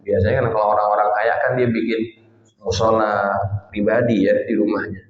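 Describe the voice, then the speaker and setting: A man preaching a storytelling sermon, speaking directly to his congregation with dramatic pauses. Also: on the low side, flat delivery. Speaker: Islamic preacher. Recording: roomy, slightly muffled hall recording.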